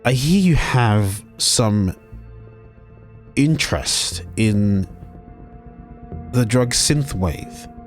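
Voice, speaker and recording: Male GM doing a polished corporate power woman: polite, smooth, self-assured, mid-pitched. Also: expressive, very slow, long pauses, soft background music. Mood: businesslike. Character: powerful poised corporate woman, wealthy and influential.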